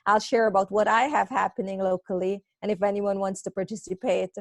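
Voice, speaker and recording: A woman's voice: medium pitch, steady tone, fairly quick, no room sound. Middle-aged woman from guyana chatting on a video call, dry sound, easygoing. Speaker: guest, textile recycler. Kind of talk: live video call interview.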